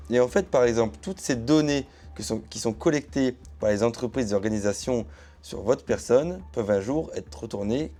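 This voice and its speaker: A man's voice: medium pitch, mellow. A man telling a true story as a casual explainer, chatting straight to his viewers with frequent asides. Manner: chatty, addresses viewers directly with asides and hedging phrases. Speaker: YouTube storyteller. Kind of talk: casual explainer narration to camera.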